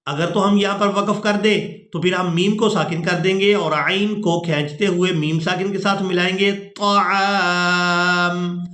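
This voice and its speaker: A man teaching Quran pronunciation in a lesson, explaining the rules and then chanting the verses slowly. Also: sits high, fairly even intonation, fairly bright tone, echoey room. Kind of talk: tajweed lesson with chanted recitation.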